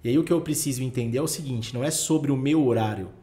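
A man's voice: medium pitch, fast, mellow. A man hosting a podcast, giving practical advice in a coaching tone and stacking rhetorical questions. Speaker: podcast host. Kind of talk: casual podcast chat.

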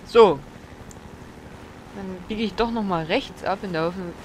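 A woman's voice: medium pitch, measured pace, faint music behind. A woman giving blind let's play commentary, swearing, exclaiming and scolding the enemies aloud.

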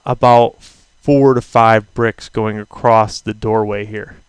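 Clear-voiced male instructor, dry sound. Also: on the low side, fairly even intonation, takes it slowly, no room sound. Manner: casual, thinking aloud with fillers. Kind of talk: screen-recorded software tutorial. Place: at a computer, voice-over of screen.

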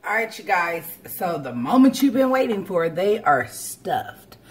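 A woman with a lowish voice and wide pitch swings talks at a measured pace, casually walking through cooking steps for a home vlog. She explains things informally and step by step, filmed on a camera sitting on the counter or held at arm's length. Her noisy kitchen is full of frying sounds and clatter.

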